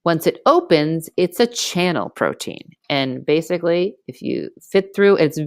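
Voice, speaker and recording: A woman giving an informal screen-recorded lecture as a teacher, explaining step by step in casual, colloquial language and often checking in with a quick okay. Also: on the low side, lively intonation, dry recording, clean studio sound. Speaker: biology teacher. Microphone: close mic on a screen recording.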